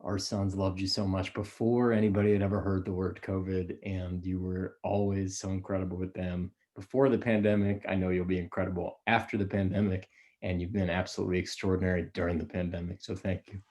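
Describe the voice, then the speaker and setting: A man's voice: low voice, little pitch movement, a little fast, darkish tone. A man on a school board who is also a parent, speaking emphatically and sincerely over a video call. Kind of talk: tribute at a board meeting.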